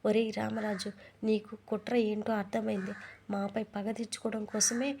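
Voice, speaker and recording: A woman's voice: medium pitch, level tone, normal speed, gravelly, a little mellow, slight background noise, natural voice. A woman voicing a fierce, proud middle-aged aunt who accuses her rival angrily. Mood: angry. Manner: angry, accusing.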